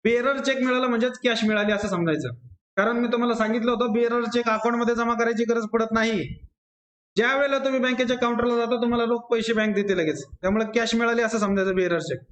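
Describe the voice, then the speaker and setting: Man, Marathi accent, very high voice, classroom teacher drilling rules, echoey room. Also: steady tone, fast, a bit bright. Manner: drills rules by repetition, quizzes students by name. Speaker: accountancy teacher. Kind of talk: classroom lecture.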